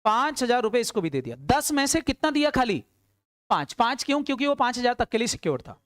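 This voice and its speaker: A woman teacher runs an accounts lesson, pressing her students for fast answers and then supplying them herself. Her voice sits a little high and comes across smooth and resonant. The recording is close and dry, with no room sound. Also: sing-song, dry recording. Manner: quizzing students, answering her own questions; urging quick answers. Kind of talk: classroom lecture.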